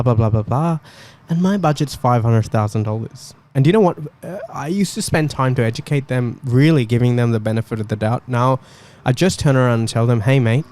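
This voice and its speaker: A man hosting a casual panel chat, talking in quick, animated bursts. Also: mid-range voice. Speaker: podcast host.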